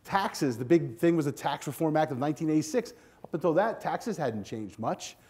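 Speaking at a moderate pace in a fairly high voice, this older keynote speaker addresses students seated in a hotel ballroom. He is energetic, animated and direct, wearing a lapel mic and moving around the stage with a clicker in hand.

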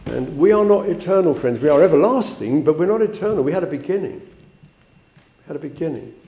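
A man's voice: expressive, fast talker, mellow. A man preaching a sermon, reading scripture aloud and explaining it with fillers and restarts. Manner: rises in pitch and volume on quoted verses. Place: church. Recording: echoey church hall.

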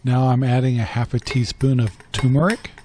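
An older man narrates each cooking step in a plain, matter-of-fact voice-over. His tone is mellow and warm, with faint noise in the background. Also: mid-range voice, little pitch movement, normal speed. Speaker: cooking channel host.

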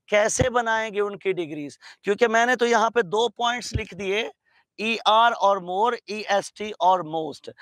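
Slow, high-voiced Pakistani teacher. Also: male voice, a bit bright, no room sound, rough recording. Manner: slow, drawn-out English phrases with frequent quiz questions to students. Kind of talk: classroom lecture.

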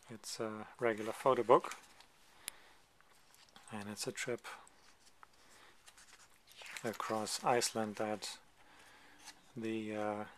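A man casually presenting a photo book he is paging through at a table, talking in a relaxed, hesitant way with many ums and side remarks. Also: lowish voice, a little hiss or hum. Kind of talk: casual show-and-tell commentary. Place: indoors at a table, filming a book from above.

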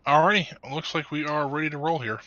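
A man working race control, calmly sorting out the running order and calling restarts. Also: a little high, fast talker, no room sound. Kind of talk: casual race control chatter. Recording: dry, dull lo-fi voice chat.

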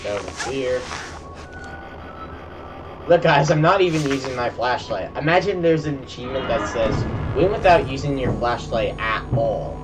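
A man's voice: mid-range voice, lively intonation, normal speed, noisy background. A young man giving casual, chatty gameplay commentary to his viewers as a game streamer, with boastful banter. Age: young adult. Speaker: gaming streamer. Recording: distant mic under loud game music. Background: loud game music.

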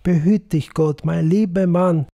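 A man's voice: fairly high pitch, measured pace, gravelly, mellow, voice pushed up. A man reading an audiobook, voicing a devout grieving peasant wife who pleads in fervent prayer. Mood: fervent praying.

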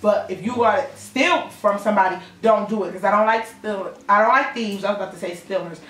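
A woman's voice: medium pitch, fairly quick, fairly bright tone, a little hiss or hum. A woman co-hosting a casual panel talk show, blunt and outspoken. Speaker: podcast co-host. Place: studio with panel table. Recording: echoey room, distant mic.

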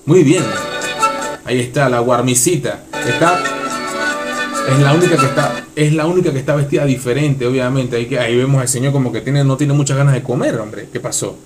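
A man's voice: mid-range voice, brisk. A man reacting to a music video in casual commentary, enthusiastic and repeating short phrases. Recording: loud song playing under the voice.

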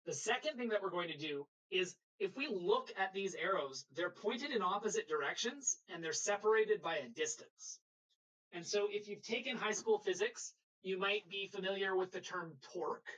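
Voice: medium pitch, expressive, normal speed, fairly bright tone, low-quality recording. A sailing instructor giving a live webinar lecture over a video call, explaining patiently and checking in with the class.

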